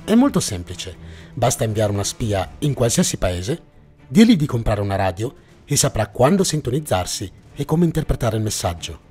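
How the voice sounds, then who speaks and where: This scripted mystery documentary is narrated by its host, a man with a low, dark, husky voice and a sing-song quality at normal speed. His storytelling is suspenseful and dramatic, set against background music.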